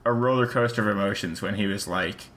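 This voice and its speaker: A man's voice: lowish voice, fast, fairly bright tone, slight background noise. A man co-hosting a casual chat, reading a story aloud and talking it over in a rambling, self-questioning way.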